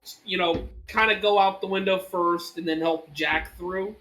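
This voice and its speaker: A man's voice: sits high, fairly even intonation, normal speed, pushed and bright, soft background music. A man playing a tabletop game, casually narrating his character's moves in a hesitant, repeating way. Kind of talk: casual role-play narration and chat.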